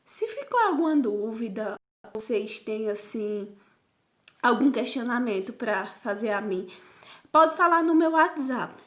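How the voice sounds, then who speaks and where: A woman teacher giving a recorded grammar lesson to her students, patient and repetitive, checking in with "certo?" after nearly every point and sounding out syllables slowly. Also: fairly high pitch, sing-song, fairly bright tone. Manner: patient, repeats "certo?" often.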